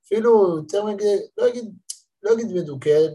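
Male spiritual teacher in his thirties with a slightly raised, breathy voice; emphatic, repeats words for stress. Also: high-pitched, warm tone, dull audio. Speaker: religious motivational teacher. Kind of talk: spiritual lesson with a personal story.

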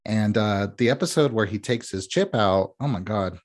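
Podcast co-host, man, low voice, blunt candid opinions, casual. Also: lively intonation, moderate pace. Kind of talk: casual chat.

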